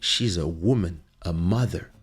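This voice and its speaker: Soft music plays behind this low, husky, unhurried male voice. The speaker, a podcast host born in Kinshasa and raised in Paris since he was seven, talks in French-accented English, musing emphatically off the cuff and repeating phrases to drive points home.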